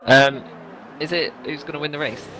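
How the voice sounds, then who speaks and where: A man's voice: on the high side, steady tone, normal speed, background noise. A man co-commentating a race in a playful, giggly, casual way.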